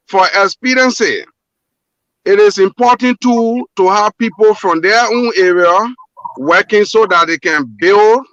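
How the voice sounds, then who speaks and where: A man's voice: high voice, fairly bright tone, no echo, muffled recording. A Liberian man, a port manager guest on a call-in show, speaking earnestly with many repeats and restarts. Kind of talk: call-in radio interview.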